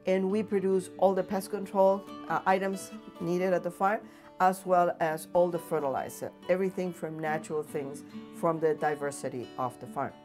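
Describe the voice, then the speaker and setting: Female farm host, slightly low voice, explanatory talk with non-native phrasing, guitar backing. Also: fairly even intonation, moderate pace. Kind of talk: explanatory interview and welcome talk. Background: guitar music.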